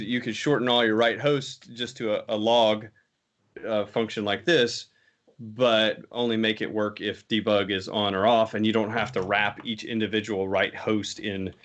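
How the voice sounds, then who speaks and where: A man's voice: fairly low pitch, little pitch movement, moderate pace, fairly bright tone. A man hosting a casual tech talk show, rambling and often correcting himself as he chats. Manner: rambling, self-correcting, laughs easily. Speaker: show host.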